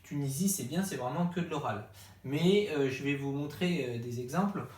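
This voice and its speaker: A man's voice: medium pitch, moderate pace, a little mellow. A male primary school teacher explaining a reading lesson to parents step by step, patiently acting out the questions to ask the child. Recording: echoey room.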